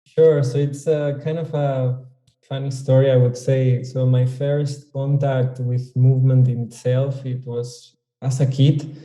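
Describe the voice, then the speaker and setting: A man from Argentina, a Spanish speaker, talking as a yoga teacher guest in a relaxed, thoughtful way. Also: medium pitch, unhurried. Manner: relaxed, thoughtful, with fillers and some restarts. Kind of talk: casual interview. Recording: echoey room.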